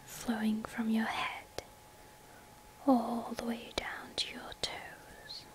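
A whispered role-play of a gentle female spa therapist, played by a woman, soothing and reassuring. The voice is soft and breathy-quiet, very flat in melody, and moves at an unhurried pace. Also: a little high.

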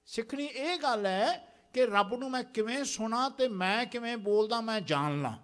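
A man's voice: very high-pitched, animated, normal speed, a bit bright. A man preaching a sermon in a large temple prayer hall, exhorting the congregation and having them repeat lines after him. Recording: long hall reverb.

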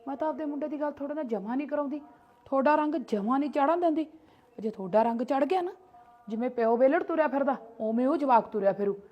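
ਇੱਕ ਔਰਤ ਆਪਣੇ ਪੁੱਤ ਦੀ ਰਾਖੀ ਕਰਨ ਵਾਲੀ ਤਿੱਖੀ ਜ਼ੁਬਾਨ ਵਾਲੀ ਭਾਬੀ ਦਾ ਕਿਰਦਾਰ ਨਿਭਾ ਰਹੀ ਹੈ, ਪੰਜਾਬੀ ਲਹਿਜੇ ਵਿੱਚ।. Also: female voice, high voice, expressive, fast, lo-fi sound. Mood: scornful. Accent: Punjabi. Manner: argumentative, scolding, defensive. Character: protective mother, sharp-tongued brother's wife. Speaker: sister-in-law. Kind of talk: homemade family skit.

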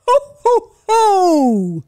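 Jolly old Santa for a picture book, female reader, booming and animated, pitched up, music underneath. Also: extremely slow, no echo, studio quality, full character voice. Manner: hearty, blustering exclamations. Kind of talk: children's storybook read-aloud.

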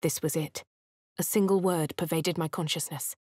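A woman performs game voice lines as a posh young female adventurer with a posh English accent, shifting among quiet inner narration, hushed whispers and shouted spell incantations. Her mood is brooding. Her voice is low-pitched, husky and steady at normal speed, in studio quality with no room sound.

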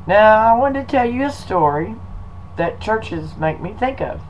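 Slow, folksy sounding man. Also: high-pitched, lively intonation, a little hiss or hum, low-quality recording. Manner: folksy, slow, drawling delivery with y'all and 'em. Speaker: video blogger. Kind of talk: casual reading and storytelling.

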